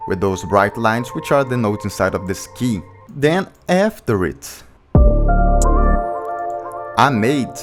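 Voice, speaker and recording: Beat music plays behind a low-voiced producer as he explains, step by step and in plain terms, how he makes a beat, his English slightly non-native. It's a casual screen-recorded tutorial.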